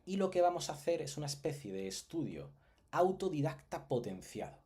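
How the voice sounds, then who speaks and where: A man's voice: a little high, sing-song, fairly quick, mellow. A man with a Spain Spanish accent giving a casual online language lesson, chatty and jokey, often checking in with the listeners. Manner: chatty, jokey and digressive, with frequent "¿vale?" check-ins. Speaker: Japanese teacher.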